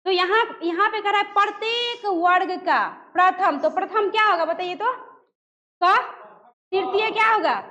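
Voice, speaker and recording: A woman's voice: very high voice, measured pace, bright, forceful tone. A woman teacher giving a grammar lesson, who puts questions to her students, answers them herself and sounds out letters one by one. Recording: dull lo-fi recording.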